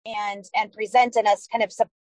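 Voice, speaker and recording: A woman committee member speaking over a video call whose connection keeps breaking up, so her words cut out and the endings are clipped off. She talks haltingly, with many restarts. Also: mid-range voice, level tone, darkish tone, no echo. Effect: choppy connection, words cutting out and endings clipped off. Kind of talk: remote board meeting discussion.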